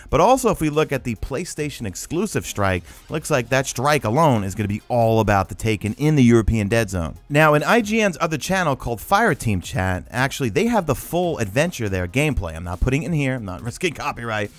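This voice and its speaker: A man's voice: mid-range voice, very animated, fairly quick, few pauses. A man giving casual, emphatic commentary as a gaming news host, reading out articles and breaking them down conversationally. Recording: voice-over with background music. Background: background music.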